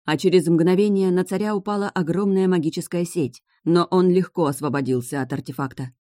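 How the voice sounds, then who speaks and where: A narrator reading a fantasy story aloud in an even storytelling delivery. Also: male voice, sits high, a little fast, no room sound, clean studio sound. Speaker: audiobook narrator.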